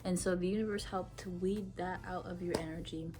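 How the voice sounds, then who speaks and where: Lower-voiced woman doing a chatty tarot reading, frank, lots of likes, soft music behind. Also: steady tone, fairly quick. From Ethiopia. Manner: chatty and frank, many fillers and repeats. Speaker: tarot reader. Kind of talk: casual tarot reading to camera.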